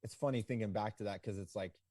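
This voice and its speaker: A man of around forty, a guest on a podcast interview, telling his story in a relaxed, rambling way full of "like" and "you know". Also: on the low side, fast talker, dry recording, clean studio sound. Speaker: podcast guest, ski business owner.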